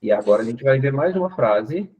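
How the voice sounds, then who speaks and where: A man with a Brazilian Portuguese accent teaches English in an online class, patiently explaining step by step and checking in with his students often. His mid-range voice is expressive and brisk, with a noisy background and tinny, narrowband call audio.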